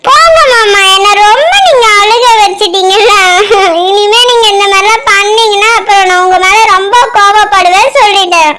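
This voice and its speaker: A woman's voice: very high-pitched, moderate pace, pushed and bright. A woman voicing Radha, a young woman in love who talks in a tender, pleading, teary way, in a cartoon. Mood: sulky. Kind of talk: cartoon voice acting.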